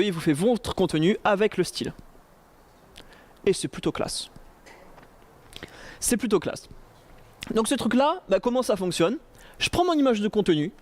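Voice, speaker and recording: A man giving a relaxed conference talk on AI, informal and joking, with lots of fillers and restarts. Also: high-pitched. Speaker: conference speaker on AI.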